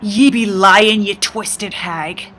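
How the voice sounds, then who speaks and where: A woman voicing a boastful, swaggering male pirate captain who talks in loud, gruff pirate slang, heard as if from a distance. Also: mid-range voice, slow, faint music behind. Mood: blustering.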